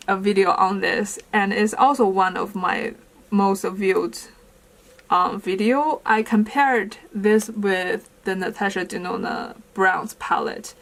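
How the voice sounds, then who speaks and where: A woman's voice: medium pitch, low-quality recording. A young woman vlogger talking through a makeup declutter in a casual, thinking-aloud way. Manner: unhurried, thinking aloud with fillers. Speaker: beauty vlogger.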